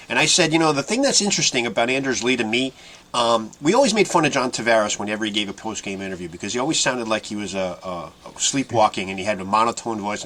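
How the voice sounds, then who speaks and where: A man hosting a casual sports fan podcast, asking his co-host questions and often trailing off quietly. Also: on the low side, slight background noise. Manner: asks his co-host questions, many restarts.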